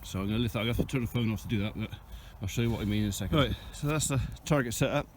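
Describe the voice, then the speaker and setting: Man, medium pitch, informal phone video vlog, plain-spoken explaining, outdoors, noticeable vehicle rumble. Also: racing. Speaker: farmer and video host. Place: outdoors on farmland. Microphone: handheld phone.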